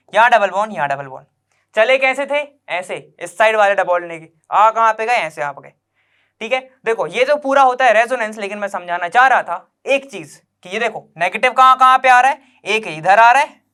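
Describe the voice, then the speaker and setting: A man's voice: sits high, fairly bright tone, clear, resonant tone. A man teaching chemistry to students, explaining step by step in an informal, coaxing way, asking the class questions and repeating the key points. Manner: informal and coaxing, asks the class questions and checks they follow.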